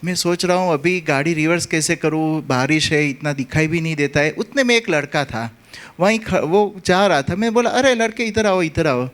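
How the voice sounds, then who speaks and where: A man with a Gujarati accent entertains a gathering with comic anecdotes. His voice is high for a man, and he animates the story by performing each character's lines. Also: a little fast, a bit bright. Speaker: comic speaker at a spiritual gathering. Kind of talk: humorous anecdotes told to an audience.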